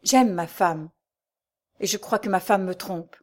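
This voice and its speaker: A woman's voice: medium pitch, moderate pace, a little mellow, natural voice. A woman reading a sad, grave nobleman. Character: melancholy nobleman, jealous husband.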